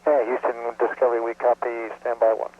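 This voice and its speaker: A man's voice: medium pitch, fairly quick. Man on crackly narrow-band space radio. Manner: clipped, flat procedural readback. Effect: crackly, narrow-band space radio link. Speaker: shuttle crew member. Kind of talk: terse radio communications.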